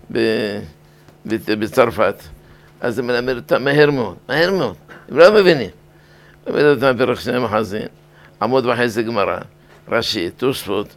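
An older man, a rabbi, giving a weekly sermon on scripture and law, talking deliberately and repeating words for emphasis. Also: lowish voice, creaky, a bit bright.

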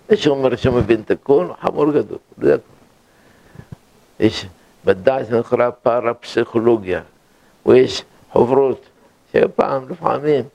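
A man giving a religious lecture full of stories, repeating words for emphasis with animated bursts. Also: mid-range voice, gravelly. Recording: dull lo-fi recording.

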